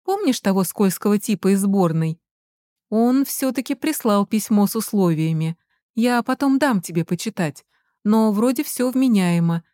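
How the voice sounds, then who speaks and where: A woman's voice: medium pitch, animated, normal speed, warm tone, dry recording, clean studio sound, close to an everyday voice. A woman voicing a firm, worried middle-aged mother in an audiobook. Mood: calm.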